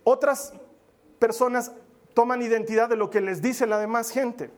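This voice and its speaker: A man with a high-pitched voice delivers a sermon in an easy, joking way. He asks the congregation questions as he goes. He slows down to repeat his key lines for emphasis. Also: fairly even intonation. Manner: humorous, chatty, asks the audience questions. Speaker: preacher.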